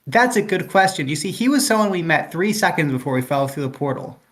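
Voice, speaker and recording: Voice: medium pitch, lively intonation, a little fast, fairly bright tone. A tabletop game player making joking, stammering asides. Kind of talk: casual tabletop game chat.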